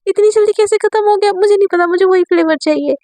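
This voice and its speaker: A woman's voice: very high voice, quick pace, mellow, no room sound, voice pushed up. A woman voicing a proud, hot-tempered young woman with a sarcastic tongue.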